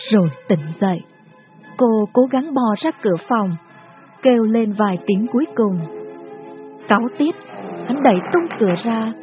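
A woman tells a dramatic story in a steady, grave voice that sits a little high. The sound is thin and phone-like. Music plays clearly underneath her narration. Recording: tinny phone-like audio with music behind.

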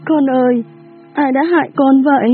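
A woman's voice: high voice, fairly even intonation, moderate pace, pitched above the performer's own voice, natural voice. Woman doing a distraught, frantic mother. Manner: sobbing, frantic questioning. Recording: tinny lo-fi with music behind.

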